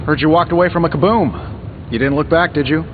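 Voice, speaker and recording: A man's voice: a little high, fairly quick, narrow, tinny audio, background noise, natural voice. A man playing a cocky, sarcastic armored superhero inventor in a video game, full of wisecracks. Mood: teasing. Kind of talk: video game character dialogue.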